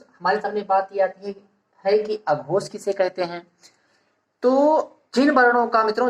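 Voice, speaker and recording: A woman teaching a lecture, talking slowly and deliberately and repeating phrases as she writes. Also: medium pitch. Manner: slow and deliberate, repeating phrases while writing. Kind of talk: classroom lecture. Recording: echoey room.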